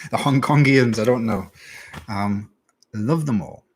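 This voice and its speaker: A man's voice: medium pitch, takes it slowly, a little hiss or hum. A man, a teacher, answering questions in a casual live stream with dry, self-mocking humor. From England. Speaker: English teacher.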